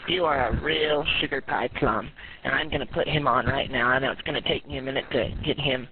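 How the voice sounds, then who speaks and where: A man's voice: mid-range voice, normal speed. A man playing a doting elderly grandmother who rambles and calls people dear, heard over a phone line. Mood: sugary. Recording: tinny noisy phone line.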